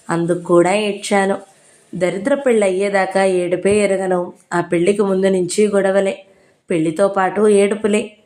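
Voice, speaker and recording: A woman reads a novel aloud in the first person, as the narrator of an audio book. Her storytelling is expressive and personal, and she grows quicker and more heated when the talk turns to argument. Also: mid-range voice.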